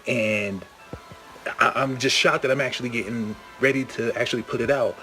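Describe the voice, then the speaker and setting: A man, a comic book writer, casually pitching his book to camera in an easygoing, enthusiastic way, with plenty of fillers. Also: steady tone, normal speed, pushed and bright. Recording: music playing underneath.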